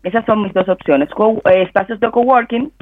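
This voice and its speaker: A man's voice: sits high, normal speed, a little hiss or hum. Man on a tinny phone line. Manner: calm, explanatory, gives advice. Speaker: guest expert. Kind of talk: radio talk show discussion. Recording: tinny phone-line audio with faint music.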